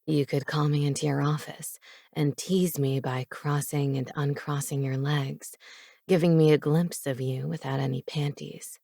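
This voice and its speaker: A woman's voice: flat delivery, a little slow, creaky, dark tone, dry recording, studio quality, heavily acted. Woman doing a smug, teasing young guy.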